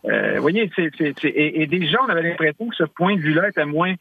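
A man's voice: on the high side, expressive, fast talker, no echo. A man with a Québécois French accent, a political analyst guest on a radio show, speaking hesitantly with many fillers. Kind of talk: radio talk show conversation. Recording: husky voice over a tinny phone line.

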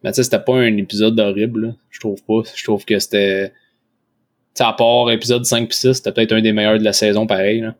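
A man's voice: lowish voice, flat delivery, fast talker, no room sound, studio quality. A man with a Québécois French accent co-hosting a casual chat, talking informally with slang and some English words. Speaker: podcast co-host. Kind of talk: casual chat about a TV series.

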